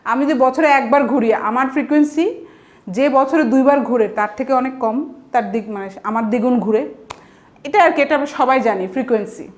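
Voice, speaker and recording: A woman with a Bangladeshi Bengali accent leads a recorded exam-prep vocabulary class. Her voice sits a little high, and she explains each word patiently. She keeps asking the class rhetorical questions as she goes. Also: brisk. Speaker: vocabulary teacher. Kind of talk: online exam-prep lecture.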